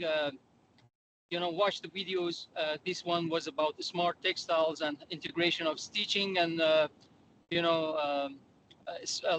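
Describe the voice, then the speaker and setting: A man's voice: a little high, a bit bright, lo-fi sound. A man speaking on a call from his car while driving. He is an education chair giving meeting remarks, and he hesitates often with fillers. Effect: calling in by phone from a car while driving. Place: in a moving car. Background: faint car noise.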